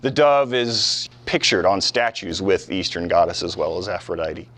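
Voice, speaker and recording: Speaking live before a small audience, a history professor gives an informal classroom lecture, using rhetorical questions, questions to the students and casual asides. His voice sits low, is a bit bright and moves at a moderate pace.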